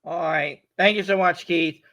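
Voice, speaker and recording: A man's voice: sits high, fairly even intonation, normal speed, bright, forceful tone. A man hosting a live stream interview, enthusiastic and stumbling over repeated words as he asks questions. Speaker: host. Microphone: video call.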